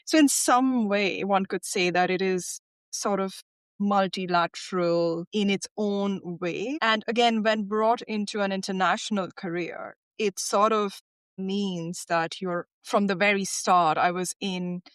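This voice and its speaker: Woman lawyer, reflective interview guest, close dry sound, mid pitch. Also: fairly even intonation, unhurried, clear, resonant tone, no room sound. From India. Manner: thoughtful, frequent restarts. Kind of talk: podcast interview.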